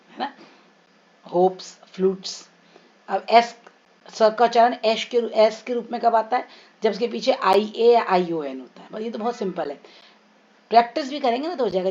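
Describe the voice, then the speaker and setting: A woman's voice: medium pitch, a little mellow. Patient woman teacher drilling English sounds. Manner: slow, drawn-out repetition of sounds and words. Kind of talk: explanatory pronunciation lesson. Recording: slightly dull lo-fi recording.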